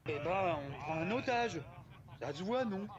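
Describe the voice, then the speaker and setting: Loud hotheaded anime teen, high pitched, always yelling. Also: male voice, expressive, measured pace, muffled recording, a crowd in the background. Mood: exasperated. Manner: shouty and exasperated.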